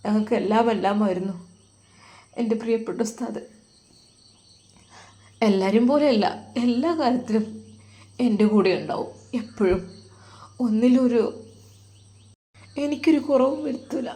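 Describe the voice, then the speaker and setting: A soft, pleading wife on the edge of tears, as a woman storyteller puts her on. She speaks quietly with a dark, mellow tone. Her voice rises high when she frets about her children. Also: normal speed, pauses often, echoey room, close to an everyday voice. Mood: tearful. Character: grieving wife of a sick teacher, tearful.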